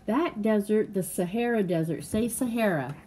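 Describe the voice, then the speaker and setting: A woman's voice: medium pitch, moderate pace, dark tone, slight background noise, rough recording. An older woman, a grandmother, reading a picture book aloud to her grandchild, patiently explaining words and asking the child to repeat them.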